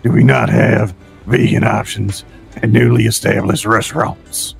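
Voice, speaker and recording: A man putting on a gravelly vegan protester. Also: lowish voice, little pitch movement, a little slow, faint music behind. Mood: indignant. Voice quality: gravelly, croaky. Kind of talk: game role-play.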